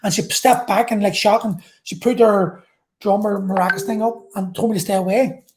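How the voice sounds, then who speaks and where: A woman's voice: mid-range voice, steady tone, darkish tone, slight background noise. Woman telling an intense personal story. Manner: intense, halting, repeats phrases, swears. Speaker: vlogger.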